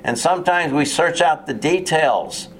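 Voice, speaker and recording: A man's voice: fairly high pitch, unhurried, fairly bright tone, a little hiss or hum. A man preaching a sermon in an earnest, plain way, with touches of sarcasm and frequent restarts.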